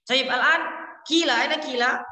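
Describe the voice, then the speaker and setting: Patient, encouraging woman language teacher, bright and fairly high, recorded in a reverberant room. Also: moderate pace. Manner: patient, encouraging, drills words and sprinkles Arabic classroom phrases. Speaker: Arabic teacher. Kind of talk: online class teaching pronunciation to children. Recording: echoey room with long reverb.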